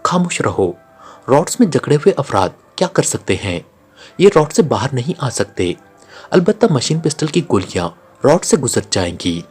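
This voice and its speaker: A man voicing a harsh, commanding female villain leader in an audiobook, snapping out sharp orders. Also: mid-range voice, very animated, moderate pace, breathy edge, soft background music. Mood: stern. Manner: stern, snapping.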